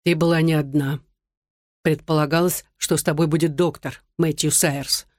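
A weary, hunted man speaks low and soothingly , as the audiobook narrator puts him on. The storybook reading is close and dry, with no room echo. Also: little pitch movement, moderate pace, natural voice. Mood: quiet.

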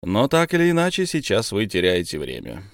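A man voicing a calm, commanding old male wizard who gives orders in a brisk, matter-of-fact way. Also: on the low side, no room sound, studio quality.

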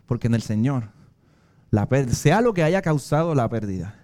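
A man's voice: medium pitch, big pitch swings, normal speed, darkish tone. A male pastor with a Puerto Rican accent preaching a sermon in an earnest way, weaving in personal stories. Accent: Puerto Rican Spanish.

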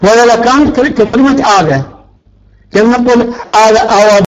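A man's voice: very high voice, a little fast, rough recording. A male teacher giving a grammar lecture, stretching out key words and quizzing his students. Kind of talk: Arabic morphology lecture.

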